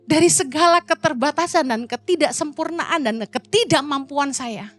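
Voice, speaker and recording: A woman's voice: high-pitched, moderate pace, fairly bright tone, faint music behind. A middle-aged woman pastor, preaching a playful sermon and acting out the voices she quotes.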